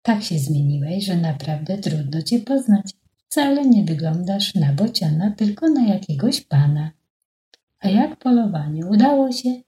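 A woman's voice: fairly low pitch, expressive, measured pace, warm tone. A woman doing a know-it-all owl. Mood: advising. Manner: lecturing, matter-of-fact. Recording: echoey room.

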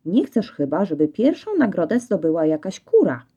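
A woman voicing an eager, excitable young male dog in a storybook, with bouncy, breathless enthusiasm. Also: on the low side, moderate pace, husky, muffled recording. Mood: excited.

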